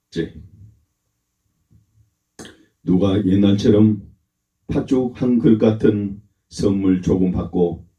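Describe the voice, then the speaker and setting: A man, a pastor, delivering a sermon in a slow, emphatic way and asking the congregation to repeat after him. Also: sits low, dark tone. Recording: roomy, dull lo-fi church recording.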